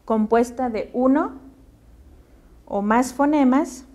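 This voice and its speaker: A woman's voice: sits high, takes it slowly, a little mellow. A woman teacher with a Mexican Spanish accent lecturing a class in a classroom, patient and checking understanding with questions.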